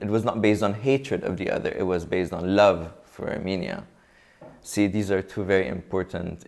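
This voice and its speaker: Low gravelly young man from Lebanon. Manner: thoughtful, measured, restarts often. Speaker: guest. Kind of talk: interview answers.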